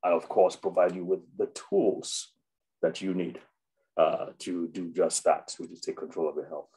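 A man's voice: deep voice, steady tone, moderate pace, mellow, husky, rough recording. A man, a doctor, giving an unscripted health webinar, with many fillers and restarts. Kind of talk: informal health talk.

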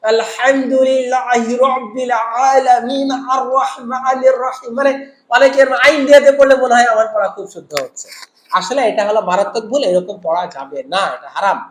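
A man's voice: high voice, animated, fast talker, roomy sound. A man teaching Quran recitation in an online lesson, explaining each rule and chanting short examples.

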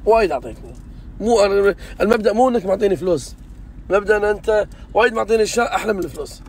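A man's voice: high voice, expressive, rapid-fire, slight background noise. A man, chatting earnestly and insistently with a friend inside a car. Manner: earnest and insistent, swears he means it. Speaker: vlog host. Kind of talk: casual chat.

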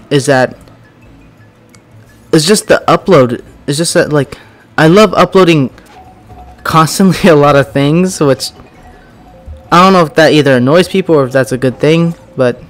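Brief: young male gamer, higher voice, rambling casual commentary, faint game music behind. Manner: rambling, many "like"s, bursts of yelling while racing. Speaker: gaming YouTuber.

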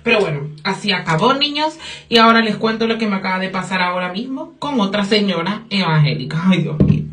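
A woman's voice: medium pitch, animated, fast, a bit bright. A young woman vlogging a gossipy story casually, giggling, swearing freely and dropping in English phrases.

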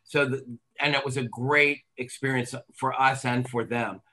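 A man's voice: medium pitch, fairly even intonation, normal speed, bright, forceful tone, rough recording. A man on a video call panel, speaking wryly with jokes. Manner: wry, joking.

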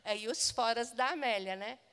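High-voiced woman pastor telling a lively story. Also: normal speed, clean tone, big-room sound. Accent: Brazilian Portuguese. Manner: animated, laughing storyteller. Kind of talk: sermon with a personal anecdote. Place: church auditorium.

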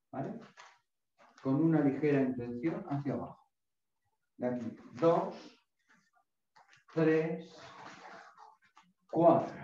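A man's voice: fairly high pitch, dark tone. A middle-aged man instructing a karate class, barking counts and short drill commands like a gym coach. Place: small home dojo with mats, indoors. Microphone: far camera across the room. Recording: distant echoey dull room recording, faint noise.

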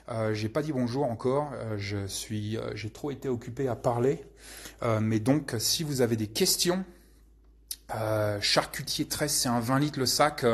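A man's voice: medium pitch, husky. A man hosting a casual live question-and-answer session, rambling with many hesitations and crude slang. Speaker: channel host answering viewer questions.

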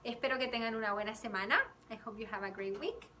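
Teacher lady, bright high voice, slow and gentle, sounds a little far from the mic in a classroom. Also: slight background noise. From Chile. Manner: switches between Spanish and English, sings with ukulele. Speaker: kindergarten teacher. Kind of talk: bilingual song lesson. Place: classroom indoors. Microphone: camera a few feet away.

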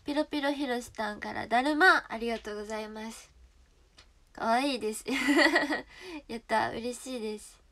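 A woman's voice: on the high side, moderate pace, pushed and bright. A young woman with a Kansai accent chatting casually with viewers on a livestream, playful and direct. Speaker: idol livestreamer.

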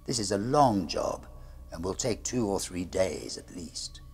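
With music beneath him, a middle-aged man reads a gothic horror tale written as a diary, a classic ghost story told dramatically. His voice is deep and expressive, with vocal fry. He speaks gravely and deliberately, and his phrases fade to a hush.

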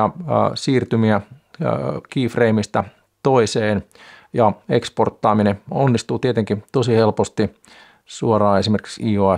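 Calm, low-voiced man reviewing gear. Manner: calm, unhurried, frequent hesitant fillers. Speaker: sailing channel host. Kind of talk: camera review talk to camera. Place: small home studio with desk and monitor.

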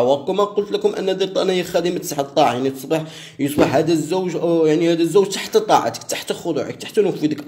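Man, from Morocco, instructional talk, slow repetitive dictation, mellow dark tone, slightly high pitch. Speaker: sheikh teaching a ritual.

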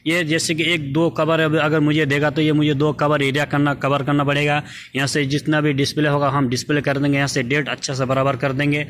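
A man's voice: on the high side, flat delivery, a little fast, fairly bright tone, slight background noise. A man giving a casual walk-through vlog of his supermarket job, talking in a chatty way with frequent fillers, recorded on a handheld phone in the store aisles. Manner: chatty, frequent filler "theek hai" and "doston".

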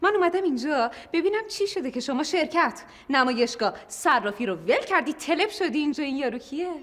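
An actress playing a brash, bossy wealthy wife who talks rudely and commands everyone in a TV comedy. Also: female voice, lively intonation, fairly bright tone. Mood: indignant. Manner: shrill, rude and commanding, with sudden laughs. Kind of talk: TV comedy acting.

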